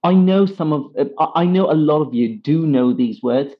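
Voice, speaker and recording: A man, an English teacher, patiently explaining example phrases in an interview, with lively emphasis on each one. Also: fairly high pitch, normal speed. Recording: slightly dull lo-fi sound.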